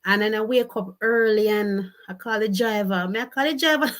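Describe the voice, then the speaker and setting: A woman's voice: mid-range voice, fairly quick. A woman from Jamaica with a Jamaican accent, hosting a casual livestream, telling stories, reading out viewer comments, and slipping into patois with frequent laughter. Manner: chatty, storytelling, laughs often, switches into patois. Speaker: livestream host.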